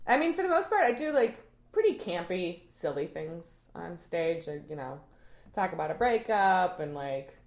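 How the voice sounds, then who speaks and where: A young adult woman comedian in a casual interview. She tells stories in an animated way, laughs often and swears now and then. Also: fairly low pitch, moderate pace. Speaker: comedian, guest.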